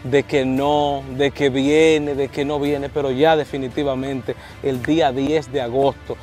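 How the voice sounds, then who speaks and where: A man in his thirties with a Dominican accent, interviewing outdoors at a baseball field on a lapel mic, playful and animated. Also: mid-range voice, unhurried, soft background music. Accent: Dominican Spanish. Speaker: sports reporter and host.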